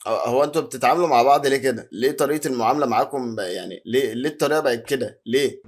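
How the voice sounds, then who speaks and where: A man's voice: mid-range voice, racing. A man with an Egyptian accent hosting a reaction video, making mocking, exasperated comments to his viewers. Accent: Egyptian Arabic.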